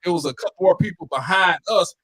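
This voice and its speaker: A man's voice: sits high, fast talker, sharp tone. A man from Louisiana, co-hosting a podcast in an enthusiastic, casual way, dropping "man" often. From Northeast Louisiana. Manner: enthusiastic, says "man" a lot. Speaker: podcast co-host.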